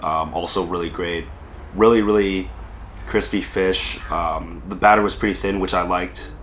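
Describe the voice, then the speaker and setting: A low-voiced man, hoarse from a lingering cold, rambling casually with lots of ums as he talks through a meal. His tone sits deep but comes out bright and forward. A faint hiss of restaurant ambience stays underneath. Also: steady tone. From Southern California. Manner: rambling, many ums and pauses. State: hoarse, recovering from illness. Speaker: food vlogger. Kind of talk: casual rambling mukbang vlog. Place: restaurant dining room.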